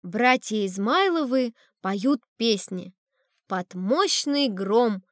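A woman reads a story aloud in a measured, expressive way. Her high voice moves lively through each line at an unhurried pace. The recording is dry and close. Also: dry recording. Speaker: narrator. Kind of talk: storybook reading.

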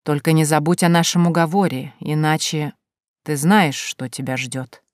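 A woman voicing a cold, menacing otherworldly man in an audiobook, speaking slowly and sinking to a hushed, drawn-out tone. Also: sits low, dry recording, studio quality, close to an everyday voice. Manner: slow, drawn-out, dropping to a hush.

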